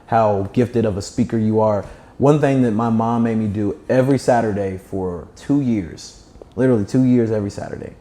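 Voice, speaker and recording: A guest who founded a startup, this young man has a mellow, lowish voice, a moderate pace, and a slight lisp. Fluently and emphatically, he swaps stories and offers advice in animated conversation.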